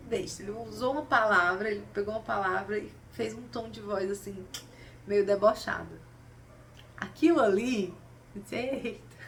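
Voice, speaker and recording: Expressive woman sharing reflections. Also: medium pitch. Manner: expressive, talks straight to viewers, acts out quoted voices. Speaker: spiritual vlogger. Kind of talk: casual reflective monologue. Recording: slightly distant mic, faint background noise.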